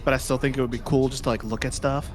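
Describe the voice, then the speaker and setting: A man chatting in a relaxed way with friends during a game stream, telling small anecdotes. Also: medium pitch, quick pace, faint music behind. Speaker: friend playing along on stream. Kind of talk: casual gaming chat.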